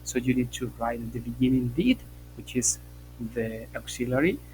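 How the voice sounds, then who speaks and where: A man's voice: medium pitch, animated, measured pace, music in the background, poor audio. A male English teacher, giving an online class and explaining grammar step by step, checking in with frequent "ok?". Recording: faint background hum.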